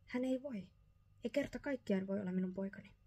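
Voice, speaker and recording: A woman's voice: medium pitch, warm tone, slightly rough. A woman voicing an agitated, fussy male father mouse in a whispered role-play bedtime story, exclaiming in despair.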